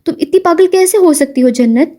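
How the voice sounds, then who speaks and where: A woman voicing a scheming older aunt who scolds loudly. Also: sits high, animated, voice pushed up. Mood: scolding. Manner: shouting, scolding.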